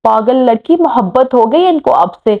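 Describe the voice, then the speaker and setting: Cheerful matchmaking young woman, audio novel, read by a woman, high voice, muffled. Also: animated, moderate pace, creaky. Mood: coaxing. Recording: muffled lo-fi recording.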